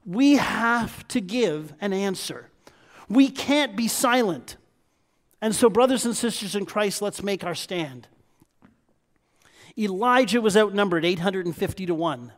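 Slow-speaking high-voiced male preacher. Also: expressive. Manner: emphatic preaching with repeated proclamations. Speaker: pastor. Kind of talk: sermon.

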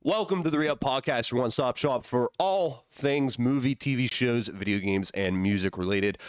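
A man hosting a podcast with playful, casual hype, his voice wheezy and hoarse from being sick. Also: medium pitch, moderate pace, soft background music. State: sick, voice partly gone. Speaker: podcast host.

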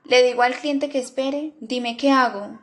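A woman's voice: sits high, fairly even intonation, measured pace, pitched above the performer's own voice. A woman reader voicing a frantic female manager who presses urgently for answers.

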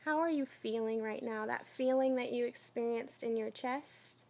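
Encouraging woman coach, gently directive. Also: fairly high pitch, normal speed, slight background noise. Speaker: life coach. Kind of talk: guided coaching session.

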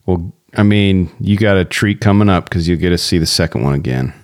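Young guy on a podcast, fairly low voice, reads listener reviews out loud and keeps chuckling, easygoing. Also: a little fast. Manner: laughs often while reading reviews aloud. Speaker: podcast co-host. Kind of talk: casual chat reading listener reviews.

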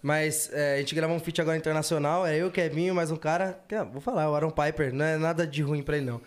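A man's voice: a little high, fairly even intonation, fast. A man on a podcast as a musician guest, telling anecdotes casually with street slang.

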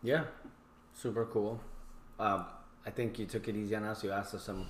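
A man's voice: on the low side, fairly even intonation, normal speed, echoey room. A man chatting as a podcast guest, opinionated and blunt. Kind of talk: casual chat.

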